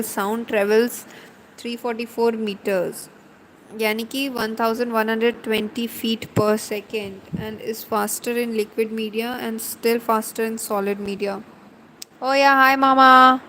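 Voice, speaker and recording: A woman with an Indian accent lectures at a very slow, careful pace, defining each term in turn and switching between Hindi and English. Her voice sits a little high. A faint noise runs under the recording. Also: little pitch movement, poor audio. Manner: slow, deliberate, explaining term by term.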